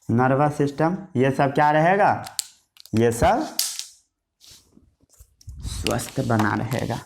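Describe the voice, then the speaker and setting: A man's voice: fairly high pitch, a little mellow. A male teacher giving a science lesson, asking questions and answering them himself, repeating key words while he writes. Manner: repetitive question-and-answer teaching, writing as he talks. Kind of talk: Hindi science lesson with English terms.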